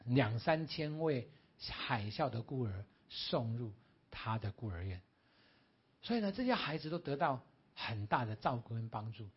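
A man preaching a sermon in an animated way, often asking the congregation questions, in a dull lo-fi recording. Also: mid-range voice, slightly rough. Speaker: guest preacher.

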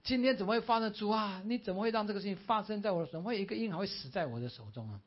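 Brief: distraught male preacher, pleading and anguished, pitched up, as a preacher acts him out. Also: lively intonation, rapid-fire. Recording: dull lo-fi recording.

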